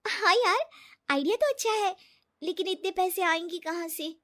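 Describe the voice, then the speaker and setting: A woman's voice: very high voice, normal speed, bright, forceful tone, pitched above the performer's own voice. A woman doing a trusting, eager young woman. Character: trusting young woman office worker, naive.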